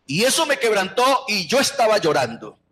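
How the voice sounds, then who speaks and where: A middle-aged man with a Colombian accent preaching a sermon, telling stories with passion and moving from hushed tones to shouts. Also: high-pitched, wildly swooping pitch, normal speed. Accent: Colombian Spanish. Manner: impassioned storytelling, swinging from hushed to shouting.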